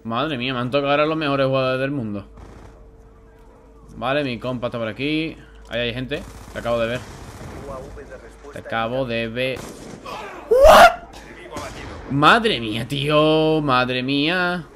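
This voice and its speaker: Excitable young Spanish man, bright voice. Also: mid-range voice, moderate pace, long pauses, a little hiss or hum. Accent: Spain Spanish. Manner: excitable, grumbling, swears when frustrated. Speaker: gaming YouTuber. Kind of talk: live gameplay commentary.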